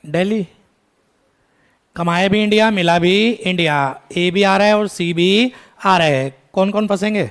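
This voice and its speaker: A man with a fairly high, fairly bright voice teaches a tax class, quizzing students and answering his own questions. He calls them "beta" in affectionate, brisk scolding asides, and his English terms carry an Indian accent.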